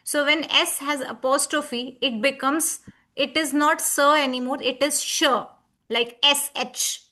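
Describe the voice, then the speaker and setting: A woman leads an online scripture class over a video call, her voice bright and a little high. She talks patiently and reassuringly, breaking pronunciation down step by step for her students. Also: fairly even intonation, a little slow. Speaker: Bhagavad Gita class teacher. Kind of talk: online class teaching recitation.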